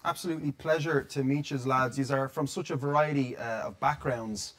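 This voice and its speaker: A man hosting an interview, enthusiastic and quick, saying "yous". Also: mid-range voice, fairly even intonation, fairly bright tone. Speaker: interviewer host. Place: recording studio lounge, indoors. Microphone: handheld microphone.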